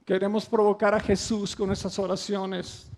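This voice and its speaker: A male preacher delivering a sermon in a high, gravelly voice. He builds his phrases into emphatic, impassioned peaks and keeps throwing rhetorical questions at the congregation. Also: level tone, moderate pace, a little mellow.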